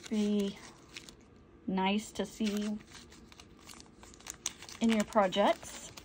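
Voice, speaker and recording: A woman's voice: mid-range voice, slight background noise. A woman chatting through an unboxing, easily delighted and often apologizing for slips. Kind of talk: casual unboxing chat.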